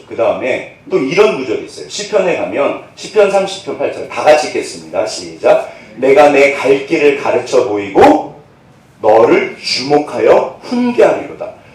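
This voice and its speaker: A man's voice: mid-range voice, heavy reverb, far from the mic, rough recording. A male pastor preaching a sermon, asking the congregation questions and answering them himself.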